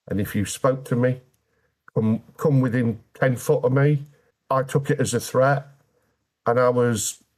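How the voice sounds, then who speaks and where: A man's voice: mid-range voice, darkish tone. A British man speaking as an interview guest, telling his personal story candidly in a plain-spoken way with dry, wry humour.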